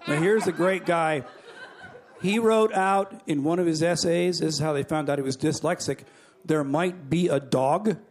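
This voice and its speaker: A man's voice: fairly high pitch, moderate pace. Folksy middle-aged man telling jokes. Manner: folksy joke-telling with chuckles. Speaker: convention speaker. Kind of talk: after-dinner jokes and speech. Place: banquet hall.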